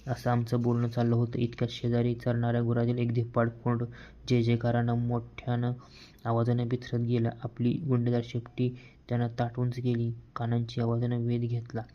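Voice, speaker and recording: A man reads a novel aloud as the first-person narrator, keeping a steady, even storytelling pace. His pitch barely moves, so the delivery sounds almost monotone. The recording is dull and slightly lo-fi. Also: moderate pace. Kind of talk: audiobook reading of a novel.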